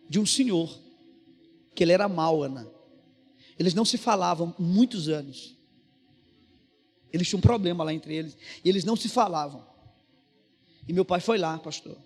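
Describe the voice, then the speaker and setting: A Brazilian man preaching a sermon, telling a personal story in an earnest, conversational way. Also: high-pitched. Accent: Brazilian Portuguese. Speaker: pastor. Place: church. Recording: reverberant church hall with music behind.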